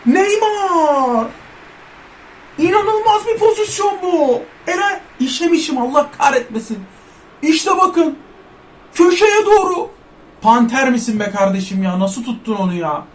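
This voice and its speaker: A man giving loud, excitable gameplay commentary, joking in first person as an overweight footballer and cursing at his teammates. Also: very high voice, unhurried. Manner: loud, excitable, trash-talks and curses at teammates. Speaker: gaming YouTuber.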